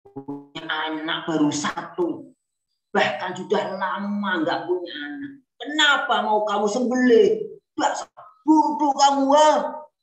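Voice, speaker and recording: A woman's voice: mid-range voice, slow pace, recorded from a distance, faint music behind, pitched above the performer's own voice, lightly acted. A woman playing a mocking, sneering devil. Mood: taunting. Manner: mocking, scolding. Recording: roomy, slightly dull classroom recording.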